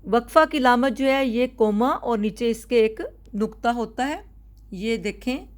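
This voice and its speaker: A woman teacher, giving a recorded grammar lecture. Her voice sits fairly high, and she takes her time, restating each point so students can follow. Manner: slow, careful explaining with frequent restating.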